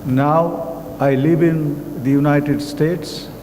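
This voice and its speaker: Older man, Bangladeshi English accent, slow halting delivery, slightly high voice, faint hall noise. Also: fairly even intonation, dark tone. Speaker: conference speaker. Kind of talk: formal academic address. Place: conference hall.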